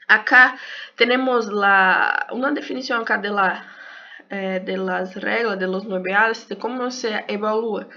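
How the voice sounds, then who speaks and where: A young woman speaks a little slowly in a mid-range voice that is pushed and bright, with fairly even intonation. She has a Brazilian Portuguese accent and is a native Portuguese speaker, a health sciences YouTuber hesitantly searching for words in a casual second-language video lesson. The sound is dull lo-fi.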